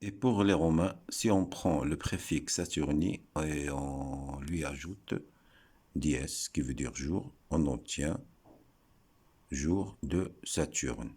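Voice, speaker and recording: A man giving a slow, deliberate lesson, breaking words into syllables and pausing often. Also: extremely low pitch, mellow, husky. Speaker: teacher explaining word origins.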